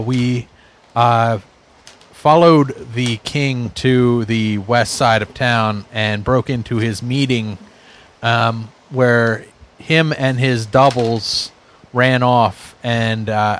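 A man giving a casual, unscripted recap on a tabletop game podcast, halting as he searches for words. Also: medium pitch, a bit bright.

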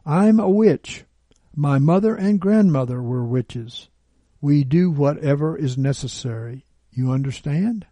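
A man's voice: fairly high pitch, lively intonation, a little slow, mellow, no echo. A contemptuous witch, read by a man. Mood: scornful. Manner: contemptuous, arrogant. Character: scornful bitter woman, a self-declared witch. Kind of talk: read-aloud testimony.

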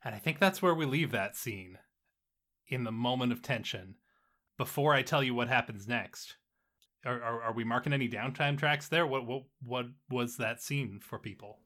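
A man narrating a tabletop role-playing game as game master, relaxed and often repeating words as he goes. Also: medium pitch, normal speed.

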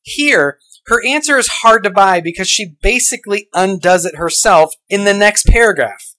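A man's voice: sits high, animated, normal speed, pushed and bright, poor audio. Sarcastic, argumentative male podcast host. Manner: sarcastic, argumentative, asks pointed rhetorical questions. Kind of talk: scripted podcast monologue rebutting an article.

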